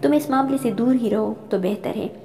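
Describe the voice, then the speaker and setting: A woman's voice: fairly high pitch, a little fast, mellow, faint music behind, close to an everyday voice. A woman voicing a stern elderly grandmother who rules the family, speaking in a commanding, scolding way. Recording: long reverb.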